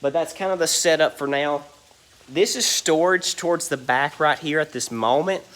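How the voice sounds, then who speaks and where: His voice sits a little high and a bit bright, moving at a moderate pace. A reseller showing off a large warehouse, he rambles casually, full of ums and "you guys," sounding stuffy and nasal because of allergies.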